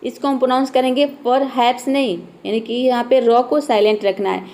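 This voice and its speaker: A young woman with a fairly high, brisk voice and a somewhat dark tone works as an English teacher. In a recorded lesson she patiently explains English words to viewers, spelling them out and repeating herself often.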